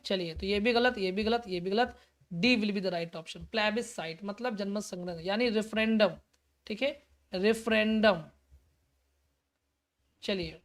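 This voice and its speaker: A woman teaching a live online exam-prep class, encouraging and patient, who repeats answers and spells words out slowly. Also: fairly high pitch, a bit bright.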